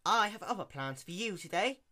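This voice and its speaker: A man's voice: high-pitched, expressive, moderate pace, pushed and bright, voice pushed up. A man voicing a dramatic, scheming young female pony princess in a hammy, theatrical storybook reading. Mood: sly, smug. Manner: hammy, theatrical stage delivery. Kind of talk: dramatic reading of fan fiction.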